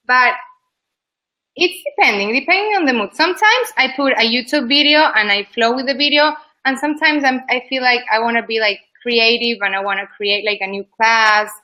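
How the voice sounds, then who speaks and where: Bright-voiced woman in her twenties. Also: on the high side, a little fast, lo-fi sound. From Ecuador. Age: 20s. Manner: chatty, loose, many "like" fillers. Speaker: guest, yoga teacher. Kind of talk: casual interview chat.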